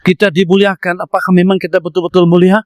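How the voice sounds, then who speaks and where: A man's voice: sits high, quick pace, no echo, studio quality. A man with a Malaysian Malay accent giving a mosque lecture, telling stories animatedly and acting out the voices. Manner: animated storytelling, acts out voices. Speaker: preacher.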